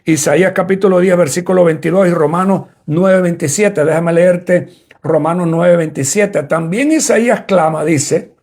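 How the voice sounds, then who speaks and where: A Cuban apostle preaches at a moderate pace, his high-pitched voice a little mellow. He addresses listeners head-on, restating his points as he explains them.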